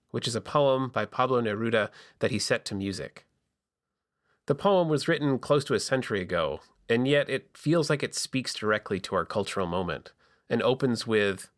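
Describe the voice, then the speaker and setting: A low-voiced man delivers scripted podcast narration as host. He records in a makeshift basement booth with a touch of basement echo, and soft music plays behind him. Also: studio quality. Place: home basement with a makeshift foam vocal booth.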